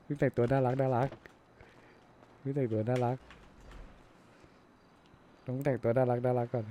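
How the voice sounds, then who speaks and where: Male game streamer, mid-pitched, blunt and sweary, casual slangy chat, some game noise behind. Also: flat delivery, normal speed, mellow. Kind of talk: casual profane gaming chat.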